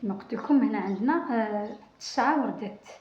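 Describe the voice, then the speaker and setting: A woman's voice: mid-range voice, quick pace, darkish tone. A woman with an Algerian Arabic accent hosts a casual crochet tutorial, talking through her work with frequent restarts and counting. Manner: talks while working, many restarts and counting. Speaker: crochet channel host. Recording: roomy, dull lo-fi sound.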